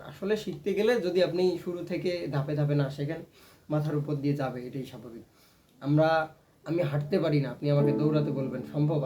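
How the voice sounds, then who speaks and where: A man's voice: a little high, warm tone. A man teaching a casual ukulele lesson, explaining step by step and often checking in with "right?". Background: ukulele playing.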